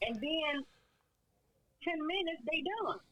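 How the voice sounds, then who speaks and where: A woman's voice: high-pitched, slow pace, fairly bright tone. Blunt middle-aged woman calling in by phone. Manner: blunt, outspoken, complaining. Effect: heard over the phone. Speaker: caller. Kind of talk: call-in radio talk.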